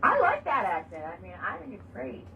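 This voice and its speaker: A woman's voice: fairly high pitch, wildly swooping pitch, a little fast, sharp tone, slight background noise. A woman, a band singer, talking freely and laughing as a guest in a remote interview from her bedroom office. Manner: friendly, laughs easily, talks freely. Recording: distant, roomy, dull remote call audio.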